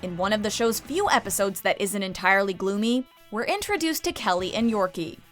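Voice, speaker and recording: A woman's voice: medium pitch, expressive, brisk, faint music behind. A woman reading scripted narration as the narrator of a countdown video.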